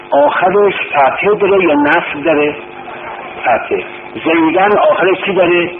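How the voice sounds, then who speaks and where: A man tutoring Arabic grammar informally, patiently repeating terms and quizzing his student. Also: mid-range voice. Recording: tinny phone-like recording with background noise.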